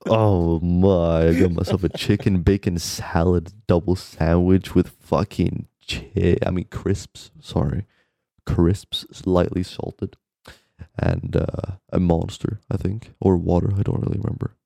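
A man's voice: low-pitched, little pitch movement, measured pace, creaky, dark tone, no room sound, studio quality. A young man co-hosting a podcast, casually recounting things in sweary, bro-ish frat-boy slang. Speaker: podcast co-host. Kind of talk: casual chat, storytelling.

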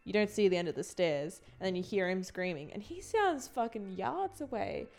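A woman's voice: mid-range voice, sing-song, moderate pace, creaky, a little mellow. A woman on a podcast, eagerly retelling a horror film scene with vivid, swearing emphasis. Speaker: podcast co-host. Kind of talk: casual film discussion.

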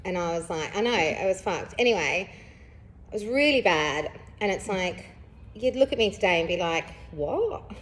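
A woman's voice: fairly low pitch, expressive, normal speed, fairly bright tone. A young woman, chatting candidly as a podcast host, rambling with lots of fillers and laughing through heavy subjects. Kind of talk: casual candid chat.

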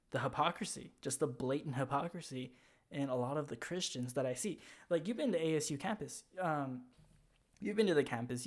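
A young man talking in a casual chat, rambling and halting with many fillers. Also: medium pitch.

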